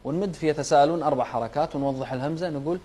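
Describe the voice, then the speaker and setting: A man teaching Quran recitation, patiently correcting mistakes and demonstrating each verse in a slow chant. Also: a little high, mellow, breathy edge. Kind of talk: recitation lesson, chanting verses for children to repeat.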